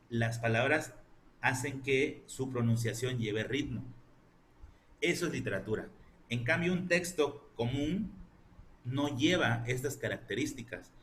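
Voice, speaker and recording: A man's voice: medium pitch, a bit bright, slight background noise. A man teaching a literature class online, explaining step by step and asking his students rhetorical questions.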